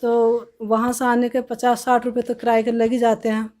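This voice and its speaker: A woman telling her own life story as a testimony in an interview, in a plain, halting way with many restarts. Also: on the high side, completely flat delivery, a little mellow. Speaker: testimony giver.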